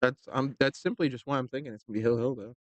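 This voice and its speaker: A man giving relaxed, joking live commentary on a pool match, talking loosely with fillers. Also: mid-range voice, fast talker, no echo.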